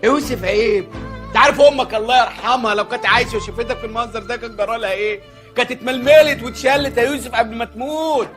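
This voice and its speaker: A man's voice: very high voice, racing. A man playing a fretful Egyptian poultry-shop dad. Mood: scolding. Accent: Egyptian Arabic. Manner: excitable, scolding, pleading. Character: devout middle-aged father, chicken-shop owner, fretful and loud. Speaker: comic actor. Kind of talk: comedy sketch acting. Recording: faint music behind.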